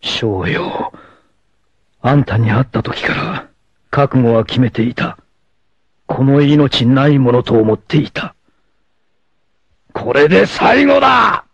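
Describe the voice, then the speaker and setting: A male actor playing a battered, defiant free-spirited warrior in a 1980s anime, cocky, rough-spoken and theatrical, with a gravelly, strained voice. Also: mid-range voice, sing-song, takes it slowly, pauses often, no echo, muffled recording, heavily acted. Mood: grim resolve, then fierce taunting. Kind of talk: dramatic 1980s anime acting. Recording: noisy old anime soundtrack clips.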